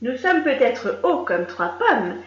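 A woman voicing gentle little storybook rabbits. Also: high voice, big pitch swings, slow pace, pitched above the performer's own voice, heavily acted. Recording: roomy, slightly dull recording.

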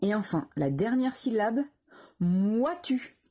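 A woman teacher slowly dictating words and syllables to young pupils, repeating and splitting each sound with care. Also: medium pitch, very animated, dark tone. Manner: slow, careful, syllable-by-syllable dictation with repetitions. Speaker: primary school teacher.

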